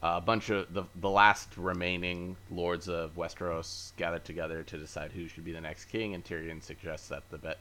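A man with a very low voice and a bright, forceful tone hosts a casual podcast chat. He rambles through a recap, pausing on fillers and correcting himself as he goes. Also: flat delivery, a little hiss or hum. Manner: easygoing, self-correcting. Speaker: podcast host.

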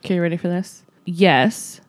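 A woman's voice: lowish voice, moderate pace. A woman hosting a podcast, chatting casually in a bubbly, giggly way. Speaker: podcast host. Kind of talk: casual chat.

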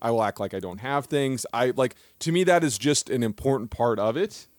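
A man co-hosting a podcast in casual chat, animated and quick to laugh at himself. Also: medium pitch, no room sound, studio quality. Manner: animated, laughs often, self-deprecating. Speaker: podcast co-host.

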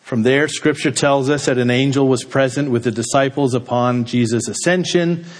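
A man preaching a sermon, slow and deliberate, letting his voice drop low and quiet at the end of each phrase. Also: steady tone. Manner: slow, deliberate delivery with dramatic drops in pitch and volume at phrase ends. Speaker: pastor.

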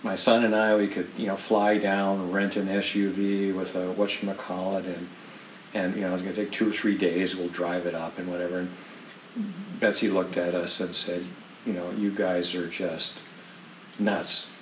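A man's voice: low voice, level tone, normal speed, recorded from a distance, a little hiss or hum. A man telling stories in a casual, rambling way, with many restarts and laughs. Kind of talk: casual storytelling. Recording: roomy and from off-mic.

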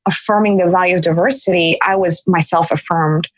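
A woman in her forties from Philadelphia in the United States shares her own story as a podcast interview guest, earnest and reflective, often restarting her sentences. Her lowish voice is husky and brisk with fairly even intonation, in a dry recording with the highs cut off.

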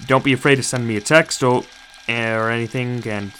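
An actor playing a hesitant man leaving a voicemail for his brother, talking in an awkward, halting way with pauses and restarts. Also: mid-range voice, fairly even intonation, fairly bright tone, slight background noise, lightly acted. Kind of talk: audio drama acting.

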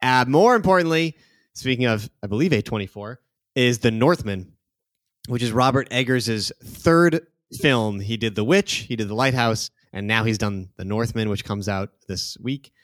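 A man's voice: mid-range voice, lively intonation, normal speed, no room sound, clean studio sound. A man hosting a podcast in casual chat, opinionated and heavy on fillers. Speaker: podcast host.

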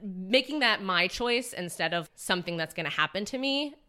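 A woman's voice: mid-range voice, animated, moderate pace, bright, forceful tone. A woman in her twenties, a podcast guest talking about her acting career in an earnest, rambling way, full of likes and restarts. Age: 20s. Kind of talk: casual podcast interview.

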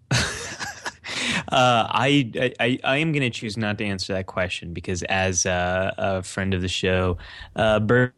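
A man's voice: on the low side, animated, takes it slowly, fairly bright tone, no room sound. A man co-hosting a podcast, chatting casually and enthusiastically, with lots of fillers and restarts. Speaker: podcast co-host. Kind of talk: casual chat.

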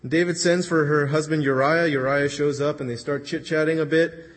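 A man's voice: fairly high pitch, steady tone, normal speed. A man preaching a sermon, retelling a story in an earnest, conversational way and quoting the people in it. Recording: long hall reverb.

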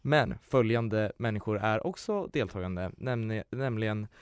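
A man's voice: lowish voice, animated, clean tone, no echo, studio quality. A man co-hosting a casual chat, joking in a blunt and crude way. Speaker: podcast co-host.

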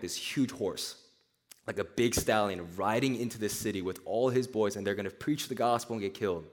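A young man with a somewhat low voice delivers a casual sermon to a student crowd. He tells stories in a lively, conversational way, full of asides and quick jokes. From born in Korea, raised in Nashville, Tennessee. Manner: animated storytelling, chatty asides. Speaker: campus speaker.

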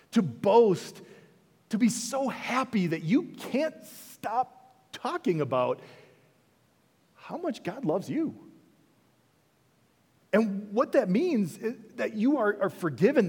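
A male pastor preaching in a chatty, questioning way, his fairly high voice swinging lively up and down. A long church reverb hangs on every phrase. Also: breathy edge. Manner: conversational preaching, rhetorical questions, dips soft then rises. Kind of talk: sermon.

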